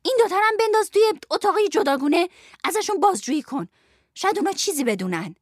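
A shrill, spiteful bandaged boss. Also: female voice, very animated, dry recording, studio quality. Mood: raging. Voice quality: high shrill voice. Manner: screeching rapid tirade.

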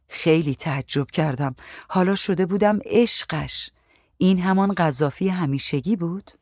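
Audiobook narrator, first-person memoir, steady and measured, mid pitch, dry close sound. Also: no echo.

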